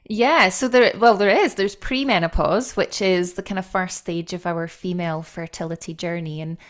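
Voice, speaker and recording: A middle-aged woman with a lowish voice talks as a guest coach on a podcast. She explains step by step and leans hard on key words. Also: moderate pace. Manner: lively, explains step by step, animated stresses.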